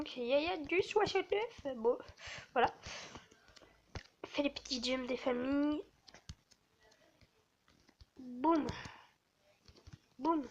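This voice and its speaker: A woman casually walking viewers through a game server, hesitant and full of fillers. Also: high voice. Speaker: gamer showing a server. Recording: dull lo-fi mic with faint hiss.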